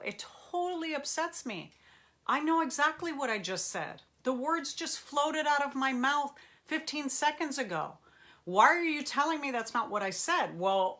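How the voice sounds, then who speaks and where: A middle-aged woman therapist hosts a live online Q&A in front of a bookshelf, speaking into a webcam. Her voice is bright and crisp, and she keeps the talk animated and full of jokes. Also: a little high. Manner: animated, joking, reads out viewer comments. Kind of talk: live-stream talk to viewers. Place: room in front of a bookshelf and ladder.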